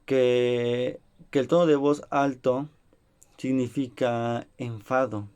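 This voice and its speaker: A young man presenting to a class in a calm, explanatory way, now and then acting out a quick example. His voice is mellow and smooth, at a middle pitch. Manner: explanatory, acts out short examples. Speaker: student presenter.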